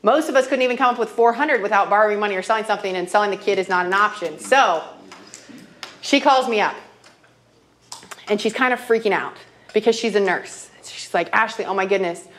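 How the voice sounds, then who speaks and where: A woman's voice: mid-range voice, brisk. A woman in her thirties teaching a classroom money workshop, telling stories and checking in with "okay?" again and again. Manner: storytelling, checks in with frequent "okay?". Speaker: financial literacy trainer.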